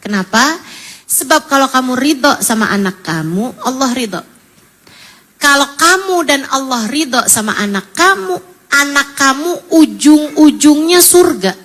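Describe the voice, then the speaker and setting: High bright-voiced woman preaching a sermon. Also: lively intonation, measured pace. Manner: emotive storytelling, voice breaking into tearful pleas. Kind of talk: sermon to women.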